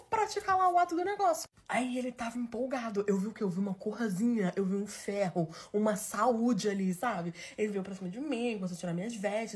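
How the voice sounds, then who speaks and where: Fast, high, lively Brazilian woman. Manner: animated, slangy, jokey. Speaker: storyteller. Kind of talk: comic storytelling.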